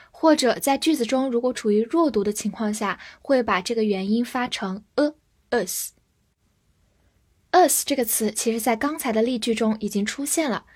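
Woman, young adult, English teacher, slow and careful, spells letters aloud, slightly high voice. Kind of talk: vocabulary lesson.

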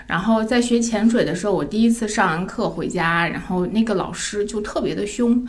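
Speaking a little fast in a mid-range voice, a woman in her thirties shares personal stories in casual podcast chat. She often laughs and does the voices of the people she quotes.

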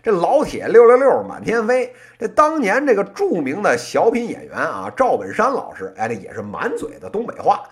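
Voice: medium pitch, huge pitch swings, moderate pace, hardly any pauses. A podcast host in their late thirties with a Beijing accent, delivering a colloquial comic monologue in one-person crosstalk style, full of erhua and little interjections. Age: late 30s. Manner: colloquial plain speech with erhua and frequent interjections.

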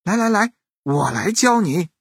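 A man's voice: sits high, very animated, unhurried, breathy edge, dry recording, full character voice. A man voicing a cheerful, clever little cowherd boy who eagerly offers help, in a bedtime storybook reading. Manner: bright, eager and reassuring.

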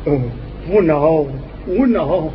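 A man's voice: a little high, takes it slowly, slight background noise. An actor playing an old father caught between his children, hesitant and fretful, in Henan opera stage acting. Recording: dull lo-fi stage recording.

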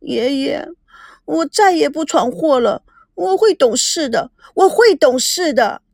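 A spoiled young granddaughter begs forgiveness through tears in this audiobook story, as a woman reads her. Her voice rises high and breaks into pleading. The sound is close and dry. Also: expressive, unhurried, vocal fry, a little mellow, no room sound, exaggerated voice. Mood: tearful. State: crying.

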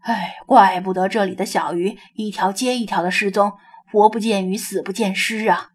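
A woman's voice: medium pitch, fairly even intonation, moderate pace, husky, lightly acted. A woman voicing a blunt older man who chides his friend with a sigh. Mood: chiding.

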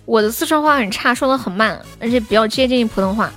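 A young woman from Sichuan with a high, bright voice chats casually to her livestream viewers. She is playful and giggly, breaking into yelps while she games. Faint music plays softly behind her. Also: fast. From Sichuan, China. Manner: playful, giggly, yelps and shrieks mid-game.

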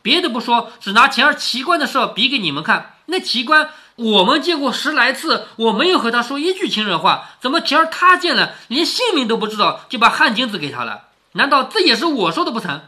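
A middle-aged man casually reads a classic novel aloud to his daughter, often stopping to explain things and ask rhetorical questions. His very high voice is sing-song and sharp, and he speaks briskly with few pauses.

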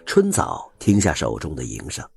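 A man telling a folk tale with an animated, expressive delivery. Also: extremely low pitch, normal speed, creaky, breathy edge, soft background music. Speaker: storyteller.

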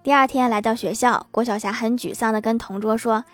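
A woman narrating short comic jokes in a scripted style, adding deadpan quips after each one. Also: fairly high pitch, fairly quick, soft background music. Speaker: joke-telling narrator.

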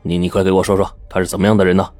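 一位男性说书人演绎一个焦急、说话结巴又吝啬的中年男老板。. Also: male voice, deep voice, little pitch movement, racing, a little mellow, faint music behind, close to an everyday voice. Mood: anxious. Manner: anxious, stammering. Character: worried, stingy middle-aged male businessman.

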